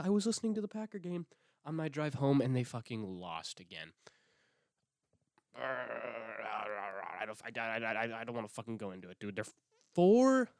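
A young man hosts a casual one-man podcast, rambling, cursing freely and starting over again and again as he sniffles through a cold. His mid-range voice has a darkish tone, and the studio sound is clean with no room reverb.

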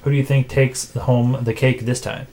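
A man co-hosting a casual sports podcast, making game picks in a dry, self-described monotone with frequent filler words. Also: medium pitch, normal speed, gravelly. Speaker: podcast co-host.

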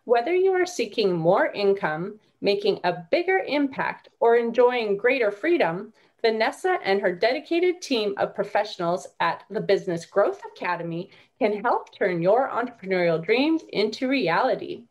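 A woman's voice: a little high, sing-song, normal speed. A woman podcast host presenting her show and talking with a guest in an orderly, prepared way. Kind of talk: scripted show introduction, then interview chat.

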